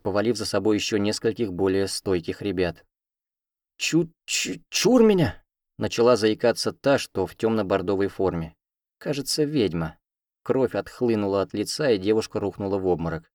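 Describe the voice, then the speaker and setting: Lower-voiced man reading an audiobook. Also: fairly quick, darkish tone, dry recording, clean studio sound. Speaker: audiobook reader. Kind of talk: first-person fantasy audiobook narration.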